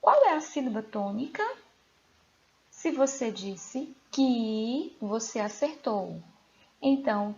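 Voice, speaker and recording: Slow, gravelly Brazilian woman teacher. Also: on the high side, darkish tone, lo-fi sound. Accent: Brazilian Portuguese. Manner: slow, clear, questioning delivery to children. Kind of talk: recorded remote school lesson.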